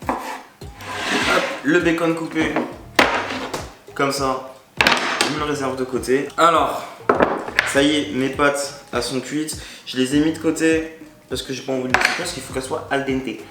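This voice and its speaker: A cooking vlog host speaks at a measured pace with a steady, medium-pitched voice, pausing often. He's chatty, jokes, and talks to the viewer in slang, while the echoey recording is very noisy with loud background music.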